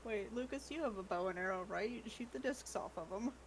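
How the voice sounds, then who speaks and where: A woman's voice: medium pitch, brisk, slight background noise, rough recording. A woman playing a tabletop game in playful, joking casual chat. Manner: playful, joking, laughs easily. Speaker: player.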